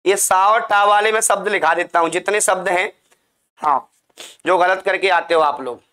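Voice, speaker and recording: Male teacher, high-pitched bright voice, repetitive drilling lesson. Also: normal speed. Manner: repetitive, drilling words to students. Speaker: Hindi teacher. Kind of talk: classroom spelling lesson.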